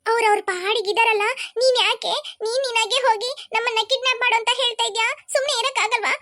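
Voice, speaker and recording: A woman's voice: very high-pitched, steady tone, fast, sharp tone. A woman voicing a timid, frightened little girl in a cartoon who pleads anxiously. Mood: scared.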